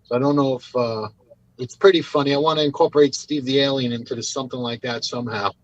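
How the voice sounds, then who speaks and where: A man's voice: medium pitch, fairly even intonation, quick pace, no echo. A man joining a live stream from a remote call, laid-back and easygoing, chatting casually. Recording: dry, muffled call audio.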